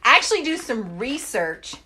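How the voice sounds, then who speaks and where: A woman's voice: fairly high pitch, sing-song, a little slow, pushed and bright, a little hiss or hum. Heated, profane woman ranting. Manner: profane, heated, mocking voices. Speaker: podcast co-host. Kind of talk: casual ranting chat.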